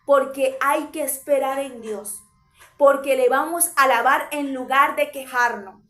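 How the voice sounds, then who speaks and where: A woman delivers a sermon in a high voice, stacking short repeated phrases for emphasis. Her voice rings with a roomy echo around it. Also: unhurried, a bit bright. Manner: emphatic, repetitive preaching in short parallel phrases. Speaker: preacher.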